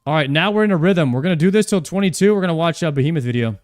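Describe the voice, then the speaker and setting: A man's voice: a little high, animated, racing, no echo, studio quality. Chatty young man streaming a game. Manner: chatty, joking, repeats himself mid-sentence. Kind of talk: casual live-stream commentary while playing.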